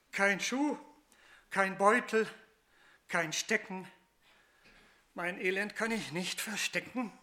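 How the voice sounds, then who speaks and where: A remorseful young son in rags, voiced by a storybook reader confesses in rhymed verse. The delivery is unhurried and bright-toned. He sounds humble and worn down. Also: mid-range voice. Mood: rueful.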